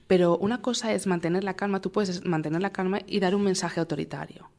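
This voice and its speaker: A young adult woman, a guest expert, calmly and patiently explaining parenting with everyday examples. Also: lowish voice, quick pace. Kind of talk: explanatory interview talk.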